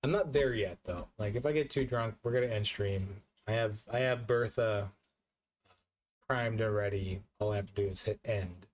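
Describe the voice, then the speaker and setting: A man's voice: fairly low pitch, normal speed, a little hiss or hum. Tipsy man rambling on a live stream. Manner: loose, rambling, repeats himself. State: drunk. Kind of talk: casual live-stream chat.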